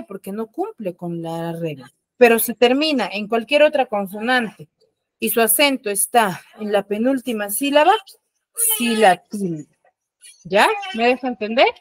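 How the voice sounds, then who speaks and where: A woman's voice: fairly high pitch, no echo. A woman teaching an online school class, patient and explanatory, constantly checking that her students follow with short questions. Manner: patient, keeps checking understanding with quick questions. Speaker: secondary school language teacher. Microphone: computer mic on a video call.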